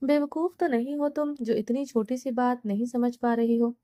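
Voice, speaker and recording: A woman's voice: on the high side, warm tone, no echo, clean studio sound, natural voice. A woman voicing an arrogant young male mafia boss in an audio novel, mocking and emphatic. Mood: teasing.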